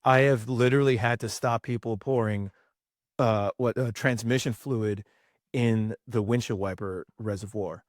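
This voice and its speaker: Young guy swearing his way thru war stories, mid-pitch, dry. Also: measured pace, dry recording. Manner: profane, animated storytelling. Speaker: former military mechanic. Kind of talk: casual podcast chat.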